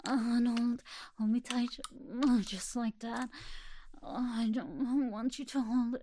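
Woman whispering softly, kinda high but mellow, really slow and doting. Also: steady tone, a little hiss or hum. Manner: soft, doting, often whispering. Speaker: audio roleplay performer. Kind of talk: intimate whispered audio roleplay.

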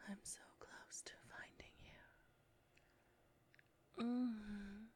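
A woman voicing a seductive, predatory female succubus in an audio roleplay, speaking in a breathy whisper with a slow, taunting manner. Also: medium pitch, flat delivery, warm tone. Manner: slow, taunting, close to the ear.

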